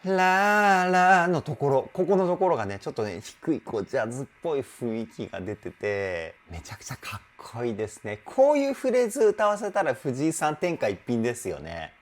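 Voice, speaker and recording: Animated male vocal coach. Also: medium pitch, fairly quick, hardly any pauses, soft background music. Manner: animated, exclaims, sings short demos. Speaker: vocal trainer. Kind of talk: song analysis commentary.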